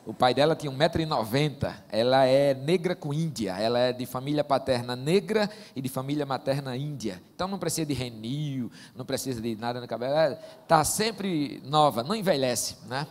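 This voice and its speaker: A man's voice: medium pitch, animated, a little fast. A man, preaching as a pastor and telling stories in a folksy, joking way. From Northeast Brazil. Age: 40s. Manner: warm joking storyteller, folksy asides. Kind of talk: sermon. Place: church sanctuary. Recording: long church-hall reverb.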